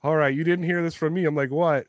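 A man hosting a podcast, telling a story in casual chat, animated, swearing freely and acting out what people said. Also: fairly high pitch, fast, dry recording. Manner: animated storytelling, swears a lot, acts out quotes. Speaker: podcast host.

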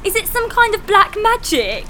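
A man's voice: very high-pitched, big pitch swings, normal speed, bright, forceful tone, a little hiss or hum, voice pushed up, heavily acted. A man voicing a young woman driver, nervous and hesitant. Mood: cheerful. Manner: breathy, hesitant, giggly.

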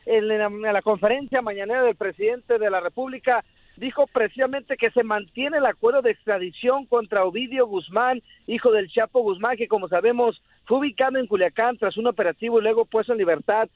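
A man's voice: high-pitched, a little fast, dry recording. A man reading a formal news report for a radio show. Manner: formal and fluent. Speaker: news correspondent. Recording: tinny phone line.

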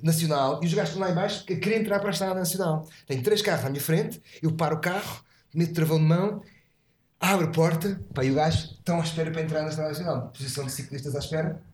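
A man's voice: a little high, very fast, darkish tone, husky. A man with a European Portuguese accent, a podcast guest telling a story vividly, acting out scenes with sound effects and swearing. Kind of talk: animated storytelling in casual chat.

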